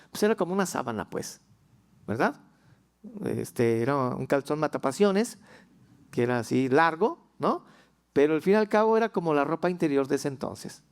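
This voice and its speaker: Folksy Mexican pastor preaching. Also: male voice, high-pitched, darkish tone. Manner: folksy, humorous, rising to fervent. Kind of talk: sermon. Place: church sanctuary.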